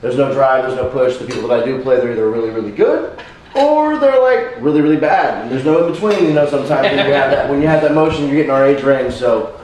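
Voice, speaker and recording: A man in his twenties from Florida talks fast, humble and rambling at a roundtable. He sits off the mic in a very echoey room, with faint clattering dishes behind him. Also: medium pitch, darkish tone, a little hiss or hum. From Florida, United States. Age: 20s. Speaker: kendama player. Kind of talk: casual roundtable chat. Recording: roomy, distant, dish clatter behind.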